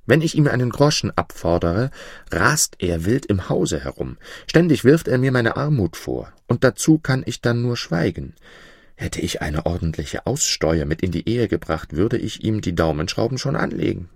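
A man voicing a poor, feisty peasant mother, speaking higher, louder and indignant. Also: sing-song, normal speed, creaky, breathy edge, no room sound, studio quality, exaggerated voice. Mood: complaining.

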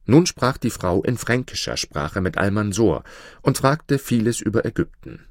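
A man narrating a storybook tale, with expressive, measured delivery. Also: on the low side, dry recording, studio quality. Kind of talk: storybook reading.

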